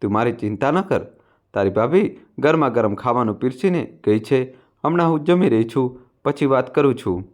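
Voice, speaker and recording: A man reading the lines of a gentle, timid elderly widowed mother who speaks softly and hesitantly in a storybook narration. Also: mid-range voice, animated, moderate pace, close to an everyday voice. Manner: soft, pleading, hesitant.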